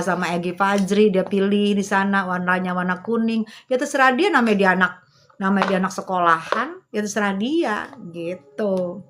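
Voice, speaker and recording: A middle-aged woman hosting a livestream on a phone, chatting with viewers in a sassy, teasing, slangy manner and speaking slowly and carefully. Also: medium pitch. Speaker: livestream host. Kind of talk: casual livestream chat reading viewer comments.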